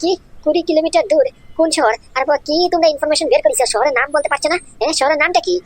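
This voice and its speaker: A woman's voice: high-pitched, very fast, lightly acted. Woman playing an impatient, demanding boss.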